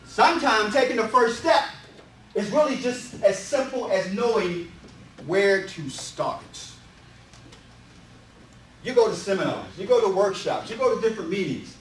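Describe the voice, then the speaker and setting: A man presenting a real estate seminar speaks motivationally, driving points home through repetition and rhetorical questions. His fairly bright, high-sitting voice has lively intonation, a measured pace and long pauses. Recorded in an indoor meetup room, the sound is distant and echoey, with background noise.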